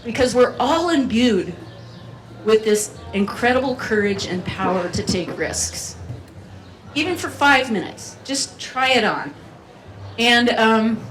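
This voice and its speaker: A woman with a fairly high, somewhat bright voice entertains a community festival audience with a playful, talkative keynote. The recording, made from afar in the event hall, sounds roomy with faint ambience.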